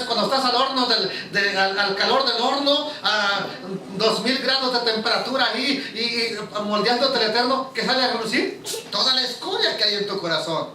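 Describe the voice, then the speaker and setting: A man preaching in a very high, bright voice that rings with emphasis. He keeps firing questions at his congregation. The sound is echoey and distant, as if caught from across a church hall. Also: slight background noise. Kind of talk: sermon to a congregation. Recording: echoey room, mic far off.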